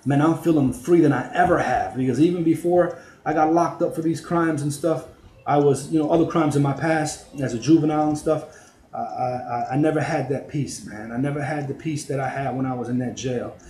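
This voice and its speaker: A man's voice: a little high, fairly even intonation, fairly quick, a little mellow. A middle-aged man, a former prisoner, giving a casual personal testimony, full of "you know" and "man". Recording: roomy, echoey sound.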